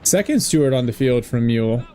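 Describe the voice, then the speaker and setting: A man casting a strategy game in a relaxed, chatty way, laughing often and slipping into jokey voices. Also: mid-range voice, normal speed. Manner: laughs often, drops into a mock German voice. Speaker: game caster. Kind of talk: casual game commentary.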